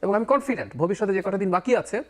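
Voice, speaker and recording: A man's voice: high voice, fast. A man giving political analysis as a talk show guest, dropping English phrases into his speech. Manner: lively, mixes in English phrases.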